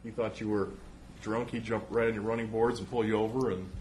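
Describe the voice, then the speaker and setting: A man's voice: on the low side, flat delivery, brisk, darkish tone, a little hiss or hum, poor audio. A man presenting local history at a council meeting, rambling with many restarts. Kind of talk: informal talk at a public meeting.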